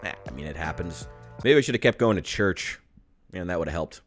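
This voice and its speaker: A man's voice: low voice, animated, fairly quick, soft background music. Rambling, candid man of thirty. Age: 30s. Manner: candid, rambling, profane, self-deprecating. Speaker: YouTuber. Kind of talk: casual vlog monologue.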